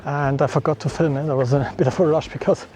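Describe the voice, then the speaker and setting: A man's voice: fairly high pitch, fairly even intonation, fast, dark tone, slight background noise. A man vlogging outdoors on a mountain trail through a small action camera, chatting casually and thinking aloud with little laughs. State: out of breath. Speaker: photography vlogger. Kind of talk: casual vlog narration while hiking.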